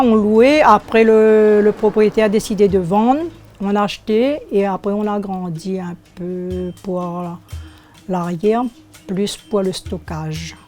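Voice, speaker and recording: An older woman in her sixties from Réunion, speaking, recalling her life as a shopkeeper in an unhurried, hesitant way. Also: medium pitch, a little mellow. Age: 60s. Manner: unhurried, hesitant, searching for words. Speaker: shopkeeper interviewee. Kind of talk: oral history interview.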